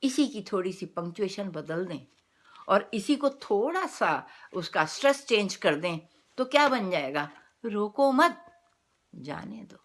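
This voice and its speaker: A woman's voice: mid-range voice, very animated, unhurried. Woman lecturing with rhetorical questions. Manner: explanatory, asks rhetorical questions then answers them. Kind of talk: academic lecture.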